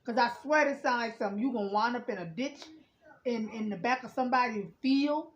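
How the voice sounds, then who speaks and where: High-voiced, profane woman ranting. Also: fairly quick. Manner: profane, incredulous, animated. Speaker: vlogger reacting to a radio advice segment. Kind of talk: casual reaction rant. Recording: roomy, slightly dull home recording.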